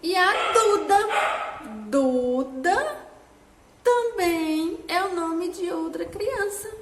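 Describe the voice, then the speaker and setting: Slow sing-song woman teaching phonics. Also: very high voice, lively intonation. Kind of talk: children's phonics lesson. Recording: echoey room with faint background noise.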